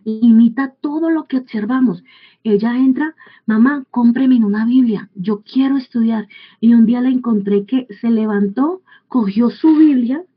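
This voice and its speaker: A woman preaching a sermon in an earnest teaching manner, often restarting sentences and asking rhetorical questions. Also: fairly high pitch. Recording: tinny phone-like sound.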